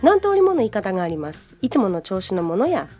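Woman podcast teacher, friendly and chatty, mid-pitched, soft music underneath. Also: very animated, fast. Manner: chatty and upbeat, laughing easily. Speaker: podcast host and English teacher. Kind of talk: casual podcast lesson.

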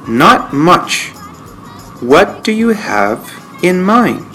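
A woman doing a deep-voiced casual friend. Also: big pitch swings, a bit bright, soft background music, full character voice, low-quality recording. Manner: slow, deliberately lowered voice.

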